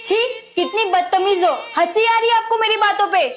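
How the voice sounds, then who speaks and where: A woman's voice: very high voice, steady tone, normal speed, over music. A woman playing a hot-tempered married daughter in a family skit, scolding indignantly. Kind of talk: amateur family skit acting.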